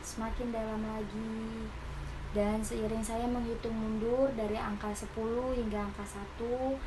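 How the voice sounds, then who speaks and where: Lady doing hypnotist relaxation script, soothing and repetitive, really flat tone, noisy recording. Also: a little high. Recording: clearly noisy recording with ambience.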